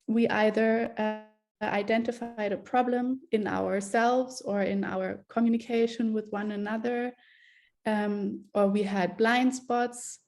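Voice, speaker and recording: A woman filmmaker, born in Germany and raised in Ethiopia, speaks reflectively on an online panel over a video call. Her voice is fairly high and a little mellow.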